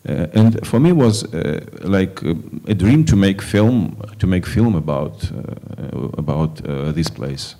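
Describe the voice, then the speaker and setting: A film director from Kazakhstan answering festival questions in halting, non-native English with many fillers and restarts. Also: male voice, low voice, expressive, mellow. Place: film festival stage before an audience.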